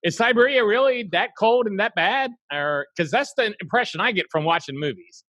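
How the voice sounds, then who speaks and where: A man from South Carolina hosting a podcast, talking in an animated, rambling way full of asides. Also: high-pitched, brisk, no echo, dull audio. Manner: animated and rambling, lots of "you know" asides. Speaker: podcast host. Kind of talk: casual interview chat.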